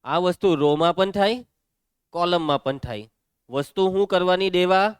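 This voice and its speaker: A man teaching a maths lesson, walking students briskly through each step. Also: high-pitched, clear, resonant tone, dry recording.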